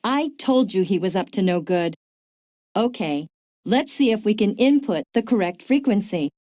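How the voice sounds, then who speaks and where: A woman voicing a smart, dry-witted female agent in a video game, calm and informative with a touch of sarcasm. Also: mid-range voice, moderate pace, dry recording, lightly acted. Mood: wry. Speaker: game character, field agent. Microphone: dry studio mic.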